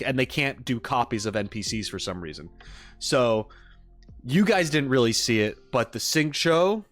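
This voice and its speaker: A man with a mid-range, slightly bright voice hosts a livestream, chatting casually with his viewers in a rambling, joking, self-deprecating way. He's a game reaction streamer working from a home setup with a green screen, with music playing in the background.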